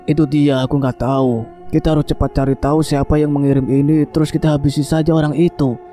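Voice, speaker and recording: Guy playing a scared young cleric, urgent and shaky, dark mellow voice, soft music behind. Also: on the high side, little pitch movement, quick pace, pitched above the performer's own voice, close to an everyday voice. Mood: panicked. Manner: urgent, shouting, voice trembling with fear. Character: panicky young male Islamic teacher hiding a crime.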